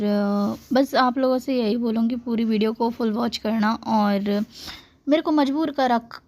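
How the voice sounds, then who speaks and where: Woman, vlogger, heated confrontational rant, high voice, talks straight to viewers. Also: dark tone. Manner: heated, confrontational, repeats "theek hai". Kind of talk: angry vlog rant to camera.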